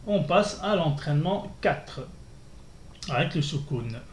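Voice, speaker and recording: A man teaching a beginner lesson, patiently drilling syllables and pausing often with fillers. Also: a little high, expressive. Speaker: Arabic teacher. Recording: echoey room with faint noise.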